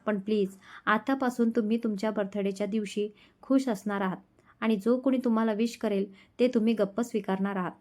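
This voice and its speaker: A woman's voice: medium pitch, fairly even intonation, a little fast, darkish tone, close to an everyday voice. A woman voicing a young wife in a romance storybook reading, speaking in an affectionate, pleading way. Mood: loving. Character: young wife, loving and gently bossy.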